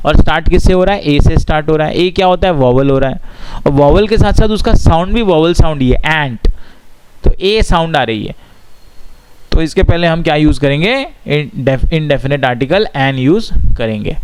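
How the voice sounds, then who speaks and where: A man with an Indian accent teaching grammar in a lesson, patiently asking and answering his own questions and reading rules out slowly. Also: fairly high pitch, clean tone, rough recording. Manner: reads English rules slowly and deliberately. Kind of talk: explanatory lesson mixing Hindi and English.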